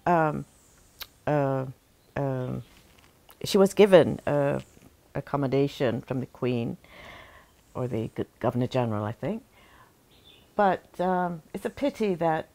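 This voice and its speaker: A Barbadian woman in an interview, talking in a halting, heartfelt way with many pauses and restarts. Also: low-pitched, gravelly, darkish tone. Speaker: interviewee, daughter remembering her late mother. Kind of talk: reflective interview talk.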